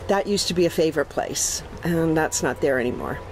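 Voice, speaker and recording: A woman's voice: deep voice, brisk, a little hiss or hum, poor audio. A woman in her sixties from England, thoughtfully recalling old times in a documentary interview.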